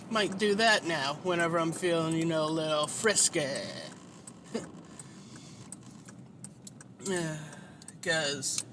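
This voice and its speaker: Whiny and nasal, a high-voiced man rambles through his solo podcast in a laid-back way, self-deprecating and cursing freely. There is background noise behind him.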